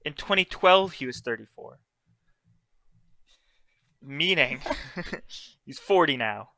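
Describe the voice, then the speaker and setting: A man co-hosting a casual podcast, talking in an excited, joking way and reeling off trivia. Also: a little high, takes it slowly, vocal fry, dry recording. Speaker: podcast co-host. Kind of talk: casual chat.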